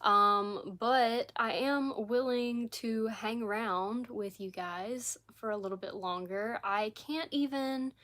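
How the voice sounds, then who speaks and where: A woman's voice: on the high side, slow pace, hardly any pauses, fairly bright tone. Scratchy-voiced woman chatting on a livestream. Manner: rambling, chatty, frequent "like" and "um". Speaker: crochet livestreamer. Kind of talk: casual live chat. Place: home living room.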